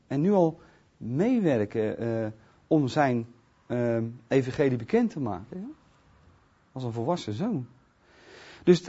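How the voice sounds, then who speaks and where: Lively, husky man teaching the bible. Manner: conversational, checks in with listeners with frequent "ja?"; swings between soft asides and loud emphatic high stresses. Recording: dull lo-fi recording.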